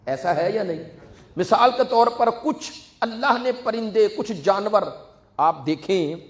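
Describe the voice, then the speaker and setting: A man, a religious scholar with a Pakistani Urdu accent, preaching a sermon in a mosque, asking the congregation rhetorical questions and repeating synonyms. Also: high voice.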